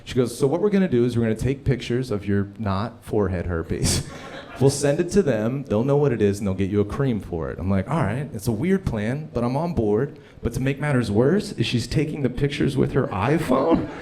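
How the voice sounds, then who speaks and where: A man's voice: mid-range voice, fairly quick. A man doing a stand-up comedy set on a club stage, telling a story and acting out the voices of the people in it. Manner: animated storytelling, acts out voices.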